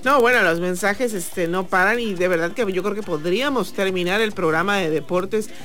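A woman's voice: mid-range voice, moderate pace, faint music behind. A Mexican woman co-hosting a sports radio show in a booth, announcing the time and steering the talk. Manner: lively, leads the conversation and asks co-hosts questions. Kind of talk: radio talk about baseball.

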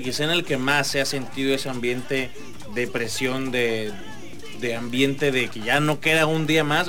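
A man's voice: mid-range voice, pushed and bright. A Mexican man commenting on baseball on a sports radio show from a booth, in a confident, analytical way.

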